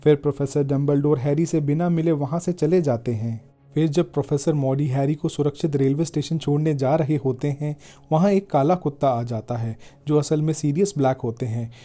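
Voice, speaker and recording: A male narrator delivers a scripted retelling in a steady, even manner. His tone is very dark and warm, with an unhurried storyteller's flow. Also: a little high, faint music behind. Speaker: film recap narrator.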